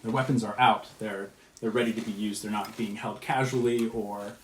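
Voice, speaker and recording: A man's voice: fairly low pitch, fairly even intonation, moderate pace. A man narrating a tabletop game as game master, describing the scene in detail and often restarting his phrases. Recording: roomy echo, faint noise.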